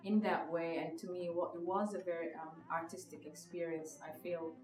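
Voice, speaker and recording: A woman's voice: lowish voice, little pitch movement, normal speed, recorded from a distance. A woman from Somalia, in her thirties, telling her own story in a reflective, hesitant way with many fillers and restarts. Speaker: podcast guest, visual artist. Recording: echoey room, from the mic, music behind.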